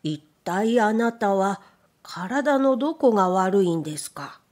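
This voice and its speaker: A woman voicing a polite neighbor cow in a children's storybook, soothing and unhurried. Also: medium pitch, lively intonation, a little mellow.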